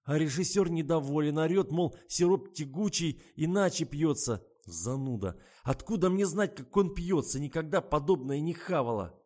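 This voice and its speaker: A man's voice: fairly low pitch, moderate pace, hardly any pauses, dark tone. A man reading an audiobook, voicing a whiny, squeamish young actress.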